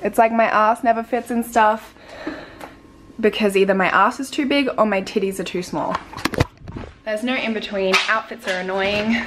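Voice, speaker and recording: A woman's voice: medium pitch, fairly even intonation, normal speed, noisy background. A young Australian woman chatting casually in a vlog, swearing freely and giggling. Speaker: vlogger.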